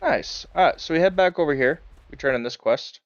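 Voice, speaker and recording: A man's voice: a little high, fairly quick, no room sound, muffled recording. A man streaming a game, chatting casually and rambling with lots of fillers and chuckles. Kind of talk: casual live-stream chat while playing.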